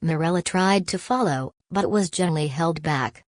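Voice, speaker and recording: A woman giving scripted narration of a family drama in a dramatic, measured way. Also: low voice, no echo.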